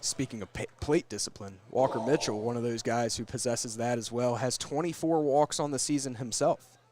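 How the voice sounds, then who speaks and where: A young man calls college baseball for student radio, chatty and quick to poke fun at himself. His voice sits at an ordinary middle pitch, relaxed commentary between pitches. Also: background noise. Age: young adult. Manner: chatty, self-deprecating joking. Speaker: play-by-play announcer.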